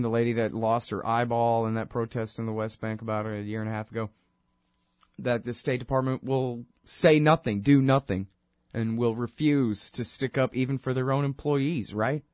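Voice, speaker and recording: This man, hosting his own talk show while congested from a cold, rambles through a sarcastic solo monologue. His pitch is medium, and the recording is dry with clean studio sound.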